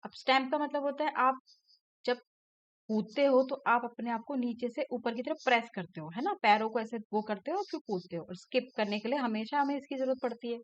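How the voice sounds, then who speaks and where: A woman's voice: a little high, brisk, no room sound. A woman teacher patiently explaining a first-grade English lesson, repeating letter sounds and words, mixing Hindi explanation with English words. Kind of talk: explaining a textbook lesson to young pupils. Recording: slightly dull lo-fi recording.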